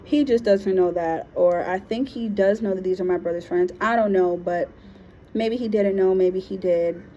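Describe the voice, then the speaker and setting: A woman's voice: medium pitch, moderate pace, dark tone. A woman from Liberia casually telling a personal story, frank and slangy, with plenty of fillers. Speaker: vlogger. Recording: dull lo-fi sound with faint noise.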